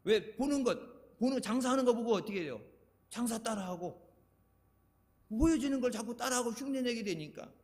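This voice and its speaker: A man's voice: very high voice, lively intonation, moderate pace, a little mellow. An older man from Chungcheong preaching a sermon, telling chatty anecdotes and laughing at his own stories. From Chungcheong, Korea. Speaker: pastor. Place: church sanctuary. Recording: echoey church hall reverb.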